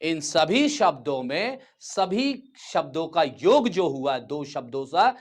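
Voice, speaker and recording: Slow, lively-voiced man teaching a lesson. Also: a little high. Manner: repeats words slowly and checks understanding. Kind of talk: classroom grammar lesson.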